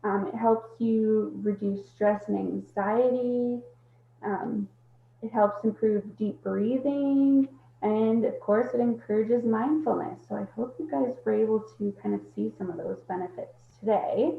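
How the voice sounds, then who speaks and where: A woman's voice: on the high side, a little slow, gravelly. A woman presenting casually with hesitant fillers. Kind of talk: online presentation. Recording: tinny phone-like echoey line.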